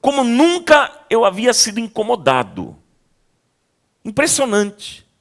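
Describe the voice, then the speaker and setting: A man preaching as a pastor in a church. His delivery moves between loud exhortation and quiet, intimate storytelling. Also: extremely high pitch, wildly swooping pitch, slow, vocal fry. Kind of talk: sermon.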